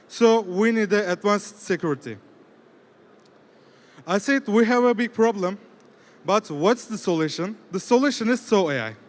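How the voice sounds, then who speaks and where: A man with a Turkish accent delivering a business pitch in short statements and rhetorical questions. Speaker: team lead presenting.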